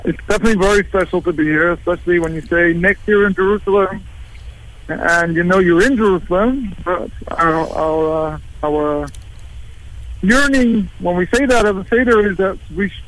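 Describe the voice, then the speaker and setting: A man from England, a rabbi, speaking as a guest in a live radio interview, relaxed and plain-spoken, sometimes halting. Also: high-pitched, rough recording. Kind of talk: interview by phone, live remote.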